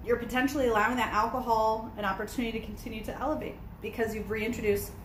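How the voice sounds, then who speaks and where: A woman's voice: on the high side, steady tone, quick pace, a little hiss or hum. Woman, 40s, casual livestream educator with lots of fillers; phone at arm's length in an echoey room. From United States. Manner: chatty and explanatory, many um fillers. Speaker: kombucha brewing educator. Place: indoors on a couch by large windows. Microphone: phone camera at arm's length.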